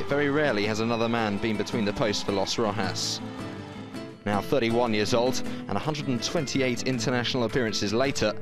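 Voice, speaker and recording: A man narrating a scripted sports feature in a measured, informative way. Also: mid-range voice. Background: guitar music.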